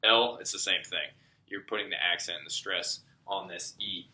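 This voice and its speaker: A man's voice: low-pitched, steady tone, moderate pace, pushed and bright. A man teaching a step-by-step language lesson, patiently explaining and checking in with "okay?" as he goes. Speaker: Spanish tutor. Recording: echoey room.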